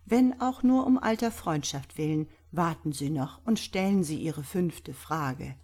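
A woman voicing a calm, thoughtful small old priest who speaks quietly and mildly in a read-aloud story. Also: low voice, a little slow. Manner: quiet, mild, musing.

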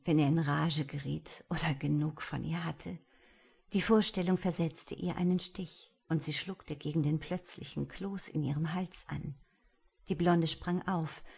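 A woman reading a novel aloud in steady, dramatic narration. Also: low voice, vocal fry, breathy edge. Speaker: audiobook narrator.

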